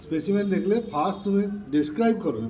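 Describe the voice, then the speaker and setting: A man's voice: high-pitched, fast, a little mellow. A man teaching students about pathology specimens in an informal session, explaining step by step and often checking that they follow. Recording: distant mic with faint background noise.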